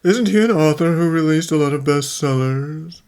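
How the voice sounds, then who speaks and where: A man's voice: on the high side, moderate pace, darkish tone, clear, resonant tone, close to an everyday voice. A man playing an earnest, regretful older character in an anime-style fan dub. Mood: puzzled. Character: earnest, regretful older friend, long estranged. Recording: voice over faint music.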